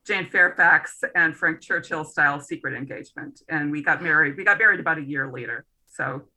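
A middle-aged woman, a literary scholar, telling an anecdote in a relaxed interview, often laughing and restarting her sentences. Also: low voice, a little fast, low-quality recording. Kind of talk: conversational interview storytelling.

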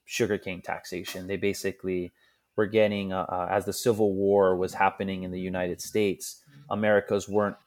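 Lowish voiced guy from hawaii on a podcast, chill and earnest, does little voices for quotes. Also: a little mellow. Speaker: podcast guest. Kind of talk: casual conversational storytelling.

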